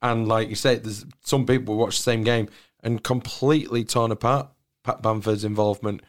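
A man in his thirties hosts a football podcast. His voice is a touch low, and he steers the discussion conversationally. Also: steady tone, moderate pace. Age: 30s. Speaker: podcast host.

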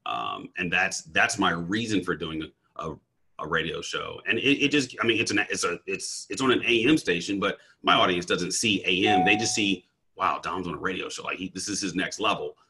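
Speaking a little fast and animated, a man with a deep voice chats energetically about being a coach and speaker in an interview. His tone is pushed, bright and slightly rough, he keeps stammering and restarting, and he says "bro"; the recording quality is low.

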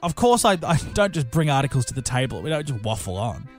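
A man's voice: medium pitch, big pitch swings, fast, soft background music. A male radio host bantering in a cheeky, jokey way.

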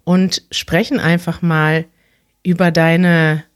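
A woman's voice: lowish voice, flat delivery, takes it slowly, no echo, studio quality. A woman hosting a podcast, asking questions in an enthusiastic, easy manner and laughing readily. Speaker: podcast host. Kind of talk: casual interview.

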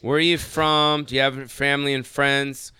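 A man's voice: medium pitch, flat delivery, moderate pace, sharp tone, smooth, dry recording. A man hosting a loose, joking talk show, teasing his guests and swearing freely. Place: studio van with guests.

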